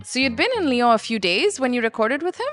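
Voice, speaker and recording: A woman's voice: fairly high pitch, very animated, fast talker, a bit bright, faint music behind. A woman co-hosting a podcast, asking questions in casual conversation. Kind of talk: casual studio chat.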